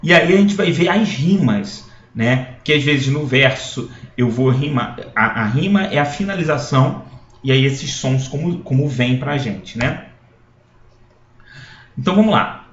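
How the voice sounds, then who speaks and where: A man's voice: mid-range voice, lively intonation, unhurried, a little hiss or hum. Man teaching a poetry lesson, echoey. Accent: Brazilian Portuguese. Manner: explanatory, with frequent checking tags and restarts. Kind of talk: recorded classroom lecture. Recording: echoey room, dull lo-fi sound.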